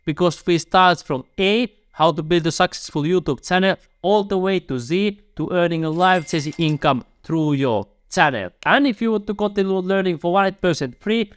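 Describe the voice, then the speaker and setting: Here a man with a high, clean-toned voice and a Finnish accent delivers an advice video to camera, earnestly coaching viewers step by step and calling each one "my friend." He's a YouTube coach, recorded in studio quality with no echo.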